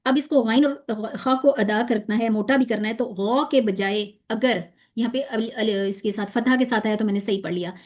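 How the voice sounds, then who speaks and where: A woman teaching tajweed pronunciation in an online lesson, patiently drilling letter sounds slowly and repeating them. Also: fairly high pitch, darkish tone.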